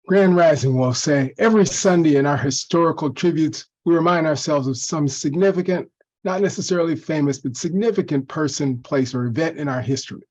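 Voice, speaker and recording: Minister with a dull lo-fi sound. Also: male voice, a little high, brisk, a little mellow. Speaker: minister giving a historical tribute. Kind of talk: church talk introducing a recording.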